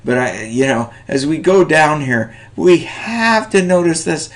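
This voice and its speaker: A middle-aged man lecturing on a short story, animated, with chuckling asides and many fillers. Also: a little high, a little slow. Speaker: teacher.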